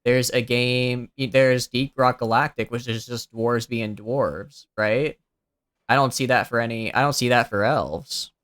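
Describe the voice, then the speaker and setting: A young male streamer offers relaxed, rambling gameplay commentary, thinking aloud with lots of fillers and restarts. His smooth, clean, youthful voice sits at medium pitch and moves a little slowly. The recording is close and dry, with no room sound.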